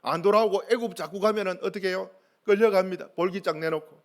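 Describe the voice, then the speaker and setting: Male pastor, high voice, gravelly, emphatic sermon, questions to the congregation. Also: fast. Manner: emphatic preaching with call-and-response questions.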